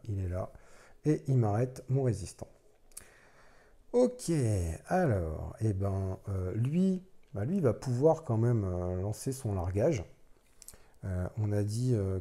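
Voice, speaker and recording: A man's voice: lowish voice, dark tone. A man casually playing a solo board game, thinking aloud as he explains the rules, with self-deprecating asides.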